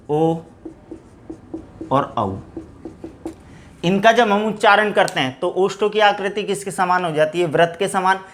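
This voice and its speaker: A male teacher giving an exam-prep grammar lesson, asking rhetorical questions and answering them himself in a lower voice, often calling his students friends. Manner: drops to a lower, quieter voice on each answer.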